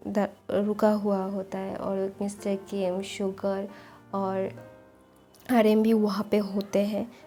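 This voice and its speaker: A woman retells a story in a loose, chatty way, full of fillers and restarts. Her pitch barely moves and her tone is mellow and soft-edged. Faint music plays under her voice. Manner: chatty, many fillers and restarts, quoting characters in her own voice. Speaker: storyteller retelling fan fiction. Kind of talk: casual spoken story retelling.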